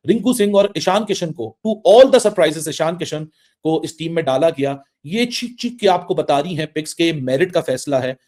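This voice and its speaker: A man's voice: on the high side, expressive, moderate pace, darkish tone. A man from Pakistan giving insistent cricket analysis, stacking points in lists for emphasis. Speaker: cricket pundit.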